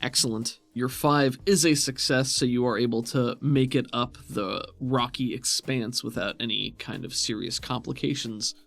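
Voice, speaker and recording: A man acting as game master for a tabletop roleplaying game describes scenes and talks through rulings in a conversational way. His voice is gravelly and fairly bright, at a middling pitch, and he speaks at a moderate pace with few pauses. Soft music plays in the background.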